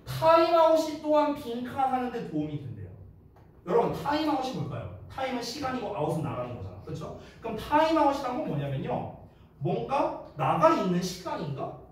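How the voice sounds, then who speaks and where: Man, English teacher, high animated voice, roomy echo, mic set back. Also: a little fast, a little hiss or hum. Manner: casual, teasing, checks in with students often. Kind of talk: exam-prep lecture. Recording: echoey room, mic at a distance.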